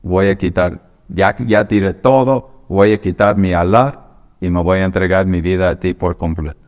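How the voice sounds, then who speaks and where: A man's voice: deep voice, fairly even intonation, moderate pace, darkish tone, big-room sound. A middle-aged man from New York, an evangelical pastor, giving an earnest, emotional personal testimony in conversation and acting out quoted dialogue.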